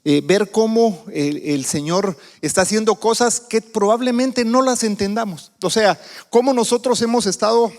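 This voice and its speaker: A man from Guatemala gives a sermon in a church, his high voice ringing out with a long reverb. He talks in a loose, conversational way and keeps asking the congregation questions. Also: normal speed. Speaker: visiting preacher. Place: church sanctuary.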